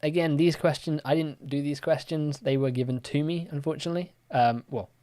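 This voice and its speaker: A man's voice: fairly high pitch, fairly even intonation, a little fast, warm tone. A young man hosting a live-stream quiz, chatting casually with lots of fillers as he reads and answers viewer comments. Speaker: livestream quiz host.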